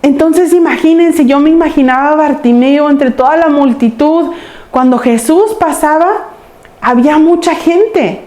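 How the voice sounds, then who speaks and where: Woman, high-pitched, earnest preaching, echoey church. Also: a little slow, darkish tone. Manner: earnest storytelling preaching, addressing the congregation. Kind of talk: sermon. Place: church sanctuary.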